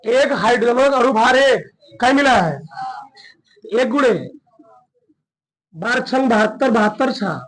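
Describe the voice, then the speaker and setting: A man's voice: very high-pitched, unhurried, pauses often, fairly bright tone, poor audio. A man teaching a chemistry lesson, working through a problem in a colloquial way and often checking that his students follow.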